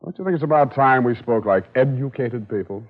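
A man's voice: medium pitch, animated, fairly quick, close to an everyday voice. An actor playing a wisecracking hard-boiled male private eye in a 1940s radio drama, dry and sardonic, on a dull old transcription.

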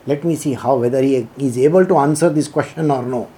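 Mellow Indian-accented spiritual teacher, voice of unclear gender. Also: medium pitch, brisk. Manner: didactic, repeats phrases for emphasis. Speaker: spiritual teacher reading and explaining scripture. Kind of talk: devotional reading with informal teaching commentary.

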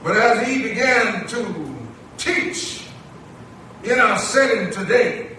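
Slow-preaching man in an echoing church. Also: high voice, animated, sharp tone, a little hiss or hum. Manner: drawn-out preaching cadence with swelling emphasis. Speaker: pastor. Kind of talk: sermon. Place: church sanctuary. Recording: very echoey church recorded from a distance.

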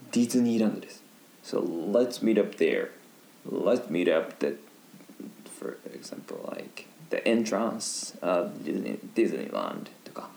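Guy teaching japanese phrases real slow, simple words w/ english bits, dark mellow voice, kinda echoey room. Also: on the low side, vocal fry. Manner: explains slowly in simple Japanese, mixing in English glosses. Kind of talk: casual vocabulary lesson.

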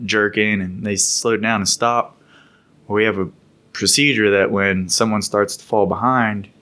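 A laid-back man spinning a long story from his service days. His voice sits fairly low, and he rambles along in an easy, conversational way. It has the feel of a podcast chat. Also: a bit bright. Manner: laid-back, rambling, laughs while telling. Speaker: podcast co-host recounting military service. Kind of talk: casual storytelling.

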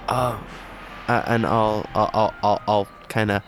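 A man playing a tabletop game, questioning in character with a halting, stammering delivery that repeats words. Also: lowish voice, level tone, music in the background. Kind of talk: improvised role-play, questioning in character.

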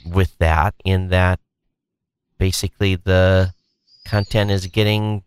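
A man's voice: low-pitched, level tone, takes it slowly, smooth, no room sound. A man co-hosting a podcast in casual chat, talking in a hesitant way with many restarts. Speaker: podcast co-host.

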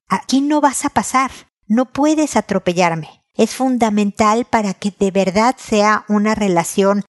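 A woman hosting an advice show, answering a listener by name with firm warmth. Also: mid-range voice.

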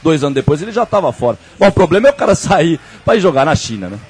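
Lively, husky-voiced man chatting. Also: a little high, fast talker. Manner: rambling, joking, animated. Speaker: podcast co-host. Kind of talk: casual sports chat.

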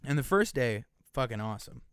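The voice belongs to a young man who rambles through his stories and swears freely, and his pitch rises and falls a lot as he talks. He is recorded dry and close, with no room sound at all. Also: very animated, a little fast, smooth, no room sound. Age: young adult. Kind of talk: casual chat.

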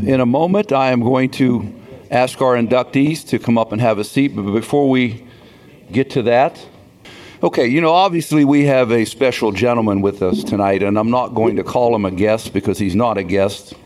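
A man's voice: lowish voice, a little mellow. A man in his sixties from Pennsylvania, emceeing a banquet and telling stories in a folksy way that builds to a punchline. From Beaver Falls, Pennsylvania. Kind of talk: storytelling speech at a banquet.

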